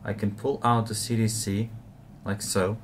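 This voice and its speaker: A low-voiced man narrates a step-by-step fly-tying tutorial at an unhurried pace. His explanations are relaxed and full of frequent "uh" fillers, with slight background noise present.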